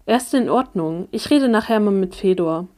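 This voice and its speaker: A woman reading a flustered aunt murmuring low. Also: lively intonation, moderate pace, a little mellow, natural voice. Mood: uneasy. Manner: murmuring, stumbling over words. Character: worried middle-aged aunt, flustered and evasive.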